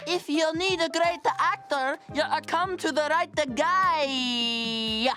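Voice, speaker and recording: A woman voicing an excitable young cartoon boy who puts on a cheesy, exaggerated fake foreign accent. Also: sits high, drawn-out words, soft background music, full character voice. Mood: showy, playful. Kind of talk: cartoon voice acting.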